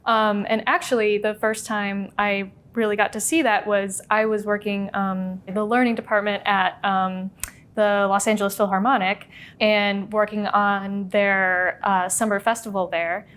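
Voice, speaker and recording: Young adult woman, assistant librarian; relaxed, chatty, filler-heavy interview talk. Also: mid-range voice, a little slow, clear, resonant tone. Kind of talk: casual interview answers.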